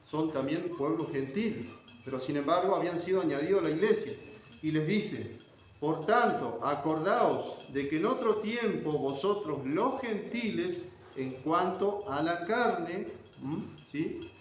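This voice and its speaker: An Argentine man gives a sermon with a fairly high voice, teaching scripture line by line and pausing to check that his listeners follow. The room around him rings with heavy echo, and a faint hum of noise sits underneath. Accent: Argentine Spanish. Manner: explains verse by verse, checks in with "¿sí?". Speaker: preacher.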